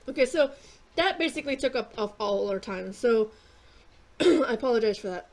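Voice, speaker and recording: A woman's voice: fairly high pitch, normal speed. Coughing woman, rambling gamer chat. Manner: rambling, filler-heavy, casual swearing. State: keeps clearing throat and coughing. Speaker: gaming YouTuber. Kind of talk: casual gameplay commentary.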